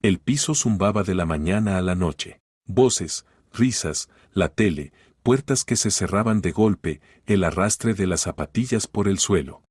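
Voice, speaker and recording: A man narrating a scripted story in a steady, even storytelling manner. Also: low voice, unhurried, breathy edge, no echo, studio quality.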